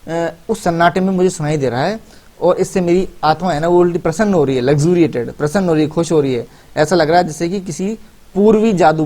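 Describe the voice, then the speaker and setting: A man teaching a story, reading English lines slowly and then explaining them in Hindi with many fillers. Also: on the high side, mellow. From India. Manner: repeats and rephrases with many fillers.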